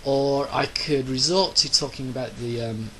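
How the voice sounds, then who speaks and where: In a rant video, a lone speaker delivers a wandering, opinion-heavy monologue with a dramatic, declamatory flair, drawing phrases out to stress them. The mid-range voice is fairly bright and moderately paced, with a little hiss or hum in the audio.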